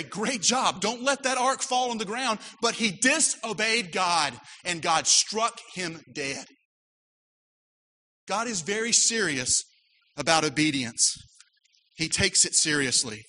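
A man's voice: a little high, sharp tone, poor audio. A man who is a pastor, preaching a sermon earnestly with emphatic rises.

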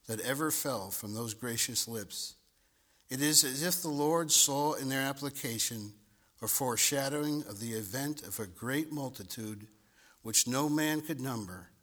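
A man preaching a sermon in a church at a pulpit microphone. He speaks deliberately, repeats words and swells to emphatic high points. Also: pushed and bright.

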